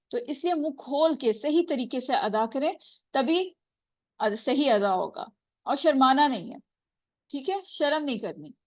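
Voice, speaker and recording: A woman teaching Quran recitation, patiently explaining and slowly repeating sounds to demonstrate them. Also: high voice, dry recording. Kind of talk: tajweed lesson.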